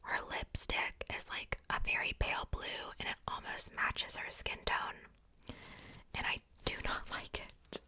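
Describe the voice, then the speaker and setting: In an unvoiced, airy whisper, a young woman ASMR creator wanders through a relaxed show-and-tell, speaking gently and at a leisurely pace.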